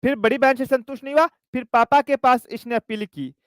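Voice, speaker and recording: A man's voice: very high-pitched, steady tone, no echo. A man teaching an exam coaching class, telling a playful story and calling his students dear children. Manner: dictates notes slowly with repetition.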